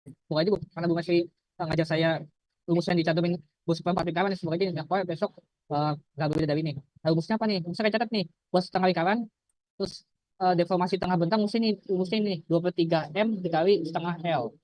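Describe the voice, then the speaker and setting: A man's voice: high voice, steady tone, rapid-fire, darkish tone, no echo, rough recording. Young Indonesian man tutoring, slurred R. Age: young adult. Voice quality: slurred R, a speech impediment on the R sound. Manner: repetitive, checking with rhetorical questions. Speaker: student tutor. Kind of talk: informal maths-heavy tutoring explanation.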